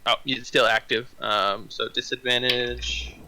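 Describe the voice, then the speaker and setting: A man's voice: medium pitch, flat delivery, unhurried, pushed and bright, low-quality recording. A man running a tabletop fantasy game as game master, narrating scenes and calling out rolls.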